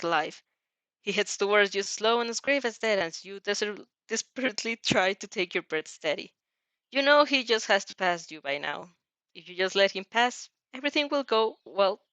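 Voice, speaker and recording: In a pushed, bright, mid-range voice, a woman narrates a second-person fan fiction story with dramatic emotion and reactions. The recording is dry.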